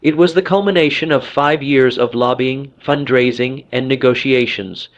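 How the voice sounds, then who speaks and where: A man reading a dramatic story as its narrator, steady and scripted. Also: medium pitch, normal speed, no echo, muffled recording.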